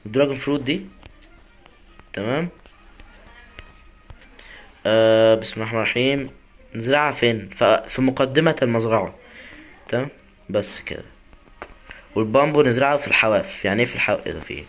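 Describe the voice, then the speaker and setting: A man's voice: medium pitch, a bit bright. A young man with an Egyptian Arabic accent, chatting casually to himself and his viewers as he plays. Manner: chatty, talks to himself and viewers while playing. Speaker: gaming YouTuber. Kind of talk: casual gameplay commentary.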